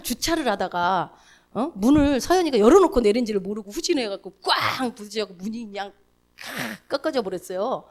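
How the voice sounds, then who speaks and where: A middle-aged woman pastor giving a sermon in a church, telling a personal story with lively acted-out quotes. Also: fairly high pitch. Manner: animated storytelling, acts out her own and others' quoted lines.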